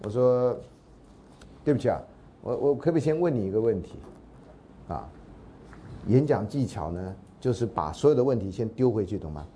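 Here the same kind of storytelling lecture comes in a fairly low, expressive, warm voice at normal speed, broken by long pauses over slight background noise. He is a man with a Taiwanese Mandarin accent at a university, telling anecdotes chattily, performing the dialogue and frequently asking listeners if they're following.

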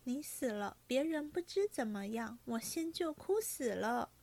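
A woman reading aloud and voicing a witty young noblewoman who teases in a high, sly voice. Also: lively intonation, unhurried, a little mellow. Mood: teasing.

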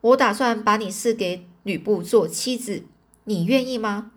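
A possessive, hot-tempered old warlord speaks in a blustering, commanding way, voiced by a woman reading a storybook. The voice is pushed a little louder than her narration. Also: medium pitch, a little slow, natural voice. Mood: coaxing.

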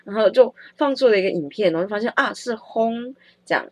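Husky-voiced woman telling a lively story. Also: mid-range voice, fast talker, no room sound. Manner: animated, laughs often while telling the story. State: has a cold. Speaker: vlogger. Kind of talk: casual storytelling vlog.

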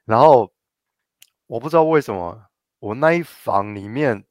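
A man's voice: mid-range voice, normal speed, dry recording. A young man from Tainan with a Taiwanese Mandarin accent, telling stories in casual chat and acting out other people's lines. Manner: animated storytelling with mock-quoted voices.

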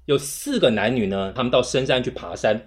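A podcast co-host with a mid-range voice that moves up and down a lot. The talk is teasing and relaxed, with frequent laughter while telling jokes among friends. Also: medium pitch, brisk. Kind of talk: casual chat, telling jokes.

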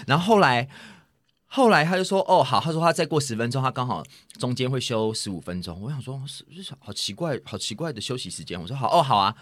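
A man's voice: a little fast, no echo, clean studio sound. A man co-hosting a podcast in casual chat, telling a story animatedly and acting out both sides of the dialogue. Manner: animated storyteller, acts out dialogue with big pitch jumps. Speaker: podcast co-host.

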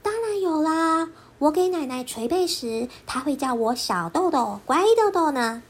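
A woman gives voice to an earnest little bear cub boy from a children's storybook. The voice sits high and swings up and down with a childlike lilt. He stays polite and open-hearted. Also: expressive, measured pace. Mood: friendly.

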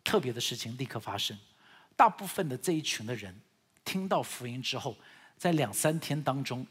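A man preaching a sermon as a pastor in with a tinge, husky and emphatic, with halting, repetitive phrasing. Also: mid-range voice. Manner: emphatic, swinging from loud exhortation to quieter asides; halting, repetitive phrasing with occasional English words. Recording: long hall reverb.

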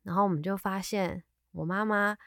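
A young woman co-hosting a podcast in casual chat, lively and teasing, laughing often. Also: mid-range voice, moderate pace, gravelly, no echo, clean studio sound. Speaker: podcast co-host.

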